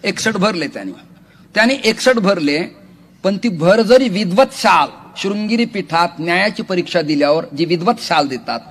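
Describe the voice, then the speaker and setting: A man preaching a humorous devotional kirtan sermon to a large gathering, animated and joking with the crowd, often raising his voice. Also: sits high, moderate pace. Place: large outdoor religious gathering.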